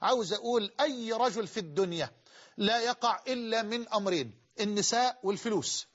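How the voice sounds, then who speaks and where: High-pitched impassioned Egyptian preacher. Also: male voice, brisk. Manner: impassioned, emphatic. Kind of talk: sermon. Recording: dull lo-fi recording.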